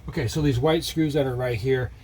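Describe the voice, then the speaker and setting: A man with a medium-pitched voice presents a casual repair tutorial. He speaks to viewers in a folksy, halting manner. It is recorded inside a small trailer with noticeable noise behind him. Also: fairly even intonation, a little mellow. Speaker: host of an RV living how-to vlog. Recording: clear background noise, location sound.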